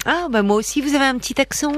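A woman's voice: high voice, very fast, fairly bright tone. A woman hosting a radio call-in show, listening attentively and encouraging the caller with short affirmations. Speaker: radio host. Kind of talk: warm late-night call-in radio hosting. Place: radio studio. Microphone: studio microphone.

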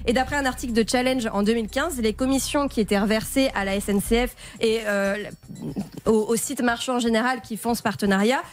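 A woman's voice: on the high side, brisk. A woman giving a consumer-advice column on a live radio show, explaining facts and warning listeners. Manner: explanatory, advising listeners directly. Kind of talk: informative radio segment. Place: radio studio.

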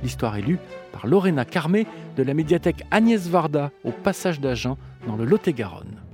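A man giving a scripted introduction as announcer, playful and unhurried. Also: on the high side, very animated, music in the background.

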